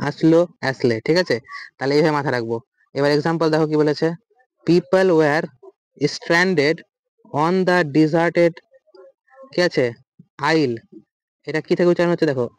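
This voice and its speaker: Bengali man teaching vocabulary, crisp voice. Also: on the high side, no room sound, low-quality recording. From West Bengal, India. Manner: asks questions and answers them himself. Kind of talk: exam-prep vocabulary lesson.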